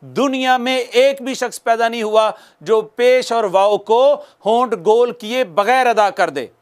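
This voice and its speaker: A man teaching Quran recitation, patiently correcting and chanting drawn-out demonstration words for students to repeat. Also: extremely high pitch. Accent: Pakistani Urdu. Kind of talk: recitation lesson with call-and-repeat.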